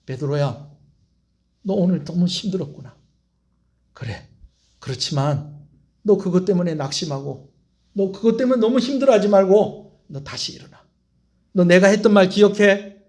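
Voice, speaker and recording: A man's voice: sits high, normal speed, long pauses, close to an everyday voice. A man acting out Jesus during a sermon, speaking tenderly and intimately to a troubled disciple. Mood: comforting. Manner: tender, intimate, speaking softly to one person. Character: Jesus, a gentle grown man comforting his disciple. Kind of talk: sermon with acted retelling.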